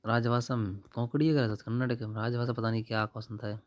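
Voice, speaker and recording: Speaking a little fast at a medium pitch and level tone, a young man runs through exam questions and answers for his YouTube prep channel. His manner is informal and offhand, and he addresses viewers as "brother."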